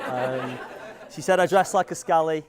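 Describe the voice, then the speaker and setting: A young man from the Isle of Man, with a Manx accent and a fairly high voice at a moderate pace, gives an informal groom's speech at his wedding venue. He jokes, rambles and hesitates, and the live event room lets the wedding guests be heard.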